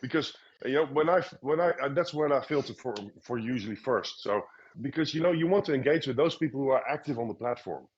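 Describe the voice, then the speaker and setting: A man's voice: medium pitch, expressive, quick pace, slightly rough, dull audio. A man answering questions as a guest expert in a live online session, often repeating words as he explains.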